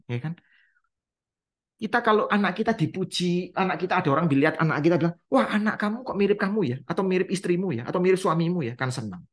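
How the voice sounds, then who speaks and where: Husky-voiced man preaching a Bible study. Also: a little high. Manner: asks the listeners questions and answers them; repeats key phrases for emphasis.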